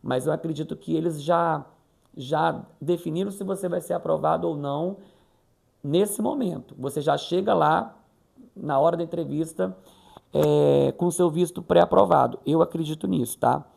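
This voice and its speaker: A man's voice: fairly high pitch, moderate pace, creaky, a little mellow. A man from Brazil chatting casually in a vlog, retelling a conversation and acting out the quoted voices. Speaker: vlogger.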